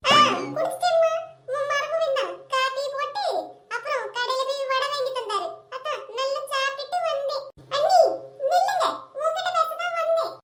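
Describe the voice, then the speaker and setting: A woman voicing a bossy, quick-tempered young wife who nags and scolds in a comedy skit. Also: very high-pitched, very noisy. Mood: chatty. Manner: scolding, complaining. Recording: roomy echo.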